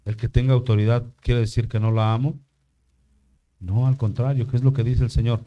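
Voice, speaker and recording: A man's voice: medium pitch, fairly even intonation, a little fast, muffled recording. An older man preaching a sermon in church, asking the congregation questions as he goes. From Mexico. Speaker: pastor.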